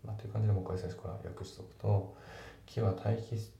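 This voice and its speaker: A man teaching English grammar and pronunciation in a calm, methodical way, reading example sentences slowly. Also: lowish voice, gravelly. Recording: echoey room with faint background noise.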